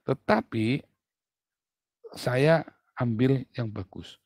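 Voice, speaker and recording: A middle-aged man preaching a sermon as a pastor, blunt and animated, joking and laughing with his listeners. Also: mid-range voice, very slow, dry recording, low-quality recording.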